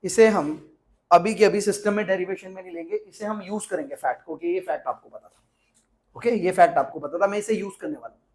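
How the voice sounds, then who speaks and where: A man's voice: high voice, brisk, a little mellow. A man teaching a classroom lecture, repeating his points and mixing English terms into his talk.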